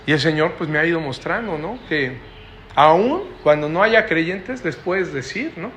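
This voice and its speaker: A man's voice: on the high side, lively intonation, a little slow, fairly bright tone, slight background noise. A man, preaching a sermon in a conversational way, often adding tag questions and acting out the voices of the people he quotes.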